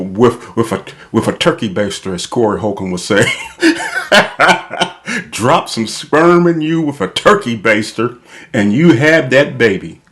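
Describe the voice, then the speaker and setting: A lowish male voice carries an emphatic monologue of opinion from a channel host. He repeats himself for emphasis and walks through his arguments deliberately.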